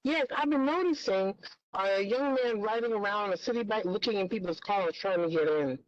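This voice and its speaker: A woman dials in to a public meeting and persistently presses for specifics at a moderate pace. The call-in line is dull and muffled, reducing her voice to bass, and the recording is dry.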